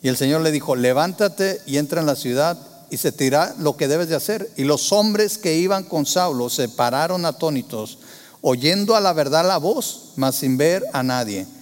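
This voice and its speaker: Guy preaching a sermon, high voice, dramatic, asks the crowd questions, echoey hall. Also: expressive, moderate pace. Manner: rhetorical questions to the congregation; dramatic, shifts between loud emphasis and hushed tones.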